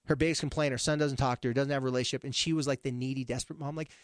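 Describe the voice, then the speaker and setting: A male therapist chatting casually, an animated storyteller who jumps between topics. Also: mid-range voice, racing, no echo, studio quality. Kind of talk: casual podcast chat.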